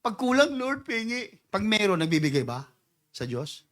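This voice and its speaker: High bright-voiced Filipino-style preaching man. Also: big pitch swings, moderate pace. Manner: mixes Tagalog and English, mimics people's prayers for effect; swings from quiet reading to loud emphatic preaching. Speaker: pastor. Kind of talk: sermon.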